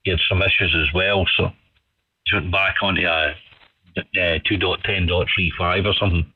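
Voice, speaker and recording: An amateur radio operator chats in a casual, friendly, rambling way over a ham radio transmission, the audio muffled, dull, and band-limited. His voice is low-pitched and slightly rough, with fairly even intonation at a moderate pace.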